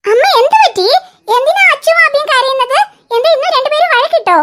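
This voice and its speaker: A woman's voice: extremely high pitch, animated, fast talker, fairly bright tone. A woman doing a bossy cartoon big sister. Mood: chiding. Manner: bossy, teasing. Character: bossy teenage older sister. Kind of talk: cartoon voice acting.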